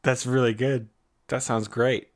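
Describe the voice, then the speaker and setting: A man's voice: medium pitch, little pitch movement, a little slow. A man co-hosting a comedy podcast, chatting casually and playfully, often breaking into giggles. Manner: playful, giggly, stammering bits. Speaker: podcast co-host.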